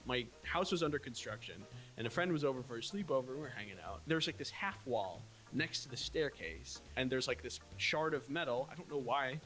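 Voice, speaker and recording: A man's voice: mid-range voice, a little fast, faint music behind, rough recording. A young man casually telling funny stories in a chat, full of fillers and laughter. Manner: animated, laughing storyteller with many "like" fillers. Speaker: host.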